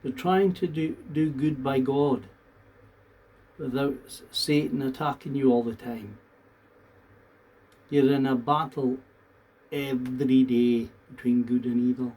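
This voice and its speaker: A man from the talks to viewers in a casual, unhurried, plain-spoken and earnest monologue. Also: medium pitch, steady tone, dark tone, slightly rough. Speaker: vlogger. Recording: distant mic, faint background noise.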